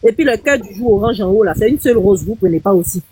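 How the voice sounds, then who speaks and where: Live stream host hurrying viewers to tap and share, husky, dry sound. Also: medium pitch, expressive, dark tone, no room sound, low-quality recording. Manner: urging viewers, quick and brisk.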